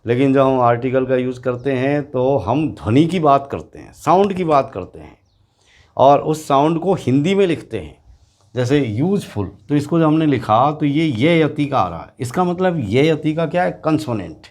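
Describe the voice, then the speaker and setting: A man teaching an English grammar lesson to students, explaining slowly and repeating example words. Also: medium pitch, animated, a little mellow. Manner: slow, repetitive explaining, addressing students directly.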